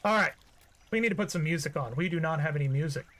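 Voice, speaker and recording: A man's voice: on the high side, animated, fast, fairly bright tone, a little hiss or hum. A man streaming a farming game, chatting casually with his viewers while he plays. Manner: chatty, talks to the live chat. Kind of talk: casual gameplay commentary.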